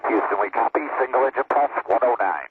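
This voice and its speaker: A man's voice: medium pitch, expressive, fast. Male astronaut, terse readbacks, breaking-up space radio, tinny static-laced line. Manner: terse, repeats calls back. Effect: breaking-up space-to-ground radio link. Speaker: astronaut crew member. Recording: thin crackly radio line with static hiss.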